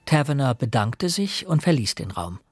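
Playing a perceptive young gentleman, an actor narrates a murder mystery with measured, literary radio drama delivery, his medium-pitched voice sing-song and slightly breathy. The studio sound is clean, with no room sound.

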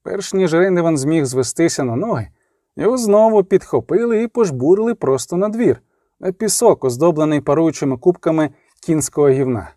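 A man narrating an audiobook in an expressive, vivid storytelling manner. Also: a little high, brisk, no echo, clean studio sound.

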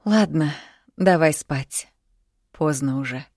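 A woman voicing a soft-spoken, patient mother in an audiobook. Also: deep voice, slow pace, dry recording, studio quality, full character voice. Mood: weary. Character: mother, gentle and weary.

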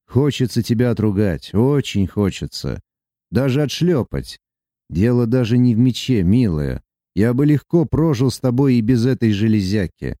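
A man voicing a reserved lover who speaks low, slowly and tenderly. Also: lively intonation, dry recording, studio quality, close to an everyday voice. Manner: low, slow, quiet and tender.

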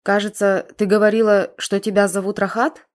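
A woman's voice: mid-range voice, little pitch movement, moderate pace, natural voice. A woman voicing a stern male chieftain who speaks in a clipped, authoritative way in an audiobook. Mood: commanding.

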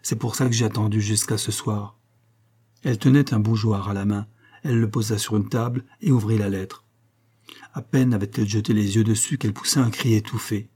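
A man reading a novel aloud as an audiobook narrator, in a measured, even delivery. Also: on the low side, husky. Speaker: audiobook reader. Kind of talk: scripted narration.

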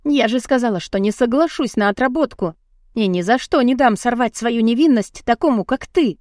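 A woman voicing an indignant young woman with quick, pointed retorts in an audiobook. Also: on the high side, darkish tone, dry recording, clean studio sound, natural voice.

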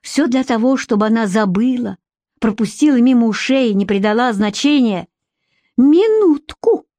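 A woman narrating an audiobook in an even, measured storytelling manner. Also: fairly high pitch, no echo, clean studio sound.

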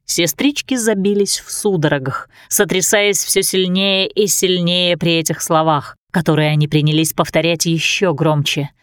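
A woman reading a fairy tale aloud with expressive, dramatic narration. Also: lowish voice, moderate pace, few pauses, smooth, dry recording, studio quality. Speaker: audiobook narrator. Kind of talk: scripted storybook narration.

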